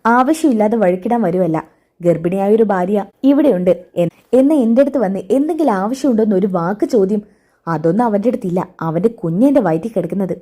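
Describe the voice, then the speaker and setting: A woman's voice: medium pitch, lively intonation, brisk, warm tone, close to an everyday voice. A woman reading the part of a hurt, defiant young pregnant wife who confronts her in-laws. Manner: pleading and confrontational.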